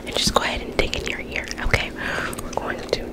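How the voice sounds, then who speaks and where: In a small bedroom indoors, a young woman whispers briskly through an ASMR ear-cleaning role-play. Her whisper is breathy and unvoiced, and she gives instructions while repeating phrases.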